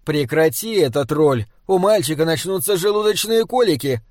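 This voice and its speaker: A man's voice: a little high, unhurried, darkish tone, no room sound, studio quality, natural voice. A man voicing a stern older healer woman who speaks curtly and with irritation. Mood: irritated. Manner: curt, irritated.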